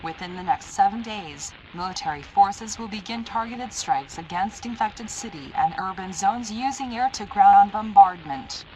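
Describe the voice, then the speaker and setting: Speaking at a moderate pace with hardly any pauses, this woman has a warm, expressive, mid-range voice. She narrates a scripted emergency broadcast in a formal, impersonal manner that sounds automated, and the analog horror recording is noisy.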